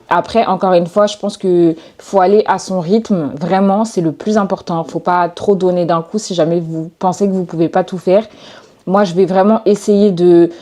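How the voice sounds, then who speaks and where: Chatty young woman with mellow voice. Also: medium pitch. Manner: chatty, informal, many fillers. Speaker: lifestyle vlogger. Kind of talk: casual vlog talk to camera.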